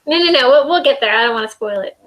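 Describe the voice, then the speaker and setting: A woman joins a casual review chat with a fairly high voice, mostly giving short replies and laughing along. She sits a little farther from the mic than the host. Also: expressive, fast, poor audio. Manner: brief replies, laughs often.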